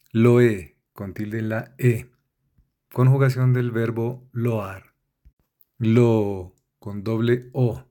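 Male reader, slow deliberate delivery, dictionary entries, spells words out. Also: mid-range voice, a little mellow. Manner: measured, spells out letters. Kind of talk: slow dictionary-entry reading.

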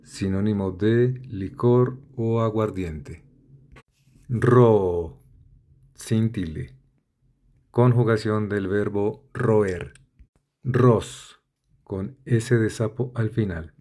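A man's voice: fairly low pitch, very slow, pauses often, mellow. A man reading dictionary entries aloud, spelling out letters and listing synonyms in a methodical way. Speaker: vocabulary reader. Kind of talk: slow, deliberate dictionary reading.

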